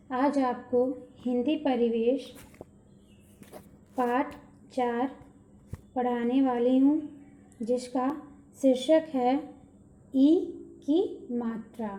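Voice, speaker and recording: A woman teaches small children in a high, mellow voice, spelling out each syllable slowly and patiently before she draws out the whole word. Her voice rings in a roomy, echoey space. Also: fairly even intonation. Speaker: preschool Hindi teacher. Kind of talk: slow children's lesson.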